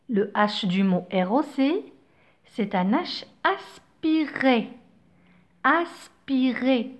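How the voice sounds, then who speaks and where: Woman teacher reading to little kids, real slow and clear, kinda high voice, muffled lo-fi mic. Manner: slow, careful, over-articulated reading. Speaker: French teacher. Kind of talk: reading lesson for young children.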